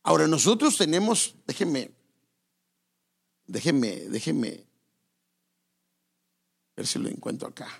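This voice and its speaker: A man's voice: fairly high pitch, very animated, takes it slowly, gravelly, long pauses. A male pastor giving a sermon in a conversational way, speaking straight to his listeners and correcting himself as he goes. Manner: conversational, self-correcting, addresses listeners directly. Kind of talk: sermon on marriage.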